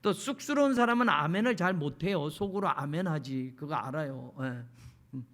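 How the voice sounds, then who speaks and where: Bright, animated male pastor preaching. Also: on the high side, moderate pace. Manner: addresses the congregation directly, repeats phrases for emphasis. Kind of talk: sermon. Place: church service.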